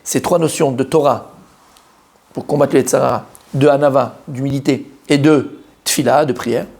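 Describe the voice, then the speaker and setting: A man, a rabbi, giving a Torah lesson to a live group. He talks in an animated, emphatic way, questions his listeners and repeats key words to drive them home. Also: medium pitch, normal speed. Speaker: rabbi teaching a Torah class.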